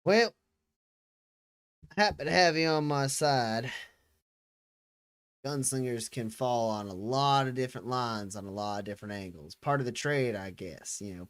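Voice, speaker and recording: A man playing a folksy, world-weary, shrewd frontier character in a tabletop role-play, musing with pauses. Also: mid-range voice, fairly bright tone, clean tone, close to an everyday voice. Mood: musing, calm. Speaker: tabletop role-play player or game master.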